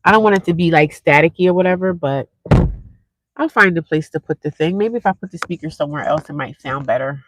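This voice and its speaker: A young woman, stuffed up and congested, chats casually on a live stream through a cheap earphone mic, rambling and speaking straight to viewers. Her low voice is fast with a fairly bright tone, and the recording is rough with no echo.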